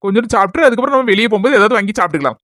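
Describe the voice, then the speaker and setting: A gentle young husband coaxes and reassures his bride at a brisk pace, as a woman voices him. The Kanyakumari Tamil accent and lowered cartoon voice sound dry and close to the mic. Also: expressive, no echo, lightly acted. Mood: coaxing. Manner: coaxing, reassuring. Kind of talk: cartoon voice acting.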